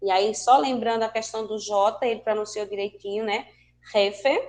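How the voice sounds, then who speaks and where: A woman's voice: mid-range voice, steady tone, a little fast, darkish tone. A woman teacher with a Brazilian accent, explaining a language lesson patiently and asking her students questions. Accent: Brazilian Portuguese. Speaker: Spanish teacher. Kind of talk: online class lesson.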